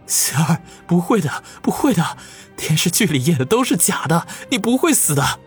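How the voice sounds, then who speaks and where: A man's voice: mid-range voice, expressive, brisk, faint music behind, voice pushed up, lightly acted. A man voicing a desperate young man who pleads in a choked, urgent way. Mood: urgent, pleading.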